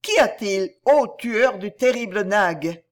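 A woman's voice: medium pitch, expressive, takes it slowly. A woman voicing a chirpy, simple-minded little male songbird who talks in a sing-song, boastful way in a storybook. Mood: eager.

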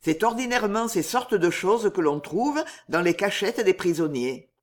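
A man's voice: sits high, expressive, moderate pace. Man voicing Monte Cristo, an intense count. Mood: eager. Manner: commanding, fervent. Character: wealthy, mysterious male count, intense and generous.

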